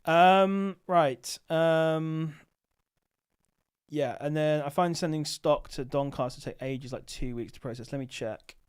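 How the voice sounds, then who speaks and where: An Amazon seller hosts a late-night livestream, chatting casually and thinking aloud with lots of fillers. He sounds tired and sleepy, his slightly high voice smooth and slow.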